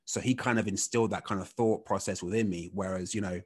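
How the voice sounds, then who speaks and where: A man in his thirties, a guest on a podcast. He speaks in a fairly low voice and tells his story in a loose, rambling way, with many casual fillers. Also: fast talker, breathy edge. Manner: relaxed, rambling, heavy on "you know" fillers.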